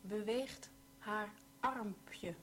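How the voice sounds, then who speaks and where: Slow woman reading lesson sentences. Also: medium pitch, slight background noise. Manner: slow, evenly pronounced sentences. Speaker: language teacher reading examples. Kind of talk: slow read-aloud language drill.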